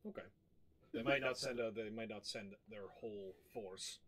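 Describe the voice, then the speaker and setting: A man's voice: fairly low pitch, moderate pace, a bit bright. A man bantering casually as a player in a tabletop role-playing game.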